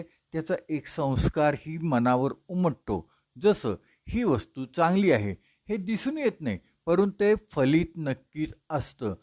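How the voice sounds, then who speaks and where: A man giving a religious discourse, explaining steadily in a measured preaching manner and listing examples one by one. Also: fairly high pitch, darkish tone. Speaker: religious storyteller. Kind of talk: Bhagavata discourse.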